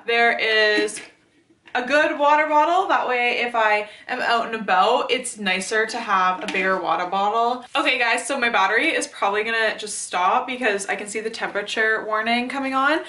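A young woman rambles through a casual vlog in a bright, slightly high voice, dropping the odd swear word. She talks to a nearby camera in a small, echoey bedroom with a faint hiss in the background. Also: normal speed, distant mic. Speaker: fitness vlogger. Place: small bedroom, then inside a parked car.

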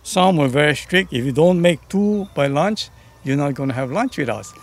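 A man's voice: a little high, lively intonation, normal speed. An older man, a museum docent casually reminiscing outdoors on a farm, with folksy asides. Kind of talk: casual storytelling.

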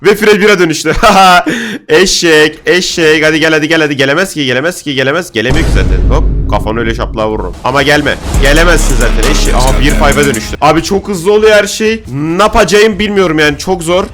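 Excitable young man yelling over game music. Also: a little high, fast talker. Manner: loud, jokey, shouting at game characters. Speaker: gaming YouTuber. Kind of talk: excited let's-play commentary.

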